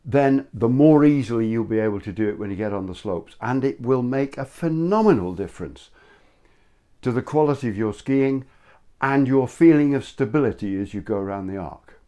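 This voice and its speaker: A man's voice: medium pitch, animated, moderate pace, dark tone. An older man giving a ski lesson to camera, explaining steadily while demonstrating posture in a room at home. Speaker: ski instructor. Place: home study room, indoors. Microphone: far camera, standing full-body.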